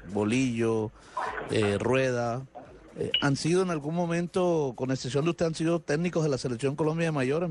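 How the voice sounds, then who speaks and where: A man's voice: on the high side, noisy background. A male radio reporter asking the coach a long, rambling question.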